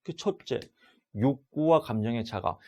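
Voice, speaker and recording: Loud, animated middle-aged male lecturer. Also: mid-range voice, measured pace, muffled recording. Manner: loud, animated, acts out dialogues. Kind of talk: exam-prep lecture.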